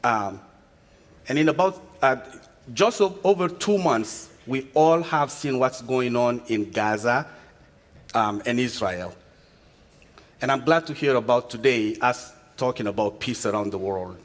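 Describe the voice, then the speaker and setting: A man from Chad giving a guest sermon, speaking earnestly and measured, often restarting his words. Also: mid-range voice. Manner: earnest, measured delivery with frequent restarts and fillers. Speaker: guest preacher from a refugee agency. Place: church sanctuary. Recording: long reverb from a church sanctuary.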